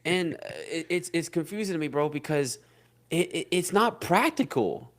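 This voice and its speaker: A young man co-hosting a podcast, talking in relaxed, slangy banter. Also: a little high, normal speed. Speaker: podcast co-host. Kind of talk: casual podcast chat.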